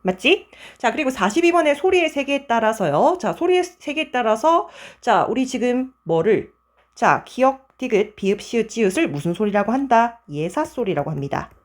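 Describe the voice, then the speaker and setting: Brisk woman teaching a grammar lecture. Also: on the high side, sing-song. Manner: brisk, keeps checking with students with "맞지?" and "자,". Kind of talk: online exam-prep lecture.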